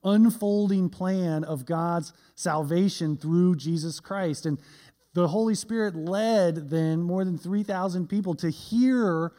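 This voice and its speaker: A man's voice: high voice, slow, dark tone. A male pastor giving a conversational sermon with self-deprecating humor, often tagging his points with "right?".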